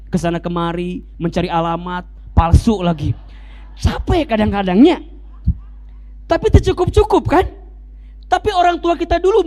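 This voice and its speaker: A male Islamic preacher, giving a lively sermon full of rhetorical questions and joking asides. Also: high voice.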